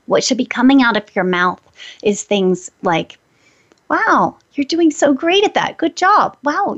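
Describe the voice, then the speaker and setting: A woman working as an energy healer who gives casual, upbeat parenting advice and sometimes shifts into a sing-song voice. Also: muffled recording. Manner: upbeat, shifts into a high sing-song voice when quoting what she says to kids.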